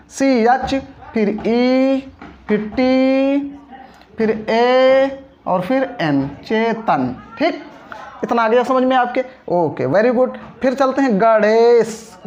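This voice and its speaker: A patient teacher talks through a spelling lesson at an unhurried pace. Each word is split into pieces and rebuilt, with frequent check-up questions to the class. The recording sounds dull and muffled. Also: medium pitch, lively intonation, a little mellow. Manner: patient, breaks words into syllables, asks check-up questions. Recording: dull lo-fi audio.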